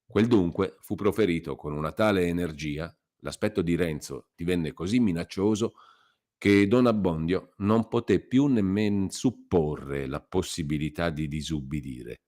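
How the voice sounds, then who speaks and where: A man giving a measured, expressive scripted reading of a classic novel for radio. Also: deep voice. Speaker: reader.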